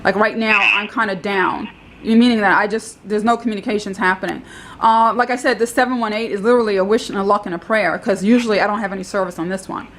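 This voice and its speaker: A woman's voice: medium pitch, steady tone, fast, a bit bright, slight background noise. A woman calling tech support, talking in a rambling, insistent way and repeating herself. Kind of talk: phone call recorded by caller.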